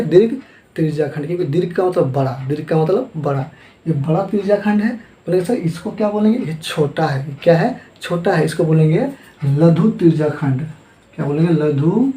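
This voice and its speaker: A man's voice: on the high side, dark tone. Male math teacher with a Jharkhand Hindi accent, repeats terms and quizzes himself, recorded in a roomy space. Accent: Hindi-speaking eastern India, Jharkhand. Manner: asks questions and answers them himself, repeating terms. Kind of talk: classroom lesson at a board. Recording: echoey room.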